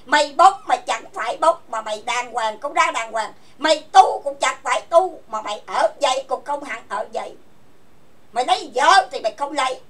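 A woman hosts an online voice chat and scolds in a furious, cursing rant. Her voice sits high and sharp in pitch. She sounds set back from the microphone, as if speaking across the room to her computer. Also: recorded from a distance. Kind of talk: angry rant. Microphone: computer voice chat mic.

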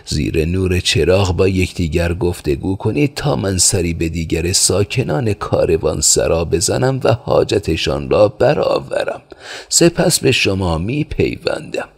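Guy doing a fatherly old innkeeper, voice pushed up higher, kinda gravelly. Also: lively intonation, full character voice. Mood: bustling. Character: kindly old male caravanserai keeper.

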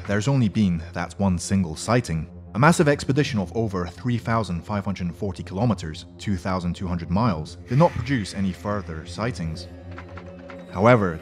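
A man with a low voice narrates a scripted top-ten countdown as host. His delivery is brisk, with the odd throwaway joke. Faint background music sits under his voice.

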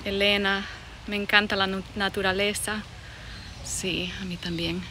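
Woman from Bolivia, slow outdoor live stream. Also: medium pitch, little pitch movement. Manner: chatty, reads out and greets viewers' messages. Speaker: vlogger hosting a live stream. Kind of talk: casual live-stream chat. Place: outdoor garden with birds. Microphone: phone held at arm's length. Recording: noisy outdoor phone recording. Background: birds and outdoor ambience.

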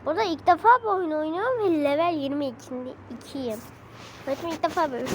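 A woman vlogger playing phone games and talking to her viewers, thinking out loud, exclaiming and getting frustrated. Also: high voice, a little fast. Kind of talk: casual gaming chatter to viewers. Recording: noisy background ambience.

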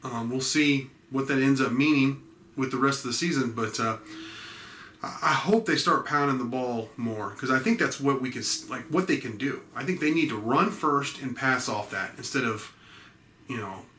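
A man's voice: mid-range voice, normal speed, sharp tone, roomy sound, a little hiss or hum. A man, recapping a college football game in a loose, rambling way full of fillers and restarts. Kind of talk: casual postgame recap. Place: small office, indoors.

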